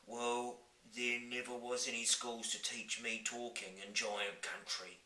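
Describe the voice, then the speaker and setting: A man voicing a very old, gentle male giant who mangles his grammar and invents words, speaking slowly. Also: medium pitch, steady tone, a little hiss or hum. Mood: earnest. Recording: roomy, from a distant mic.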